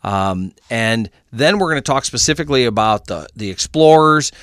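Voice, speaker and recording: A man's voice: medium pitch, expressive, moderate pace, a bit bright, no room sound, clean studio sound. A man hosting a weekend radio show who interviews his guest in a playful, teasing way. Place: radio studio.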